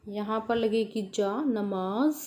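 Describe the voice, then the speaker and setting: Woman, primary school teacher, unhurried delivery, drawn-out careful pronunciation, asks and answers her own questions. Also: mid-range voice, darkish tone. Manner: slow, careful pronunciation of words for children. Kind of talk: worksheet lesson for children.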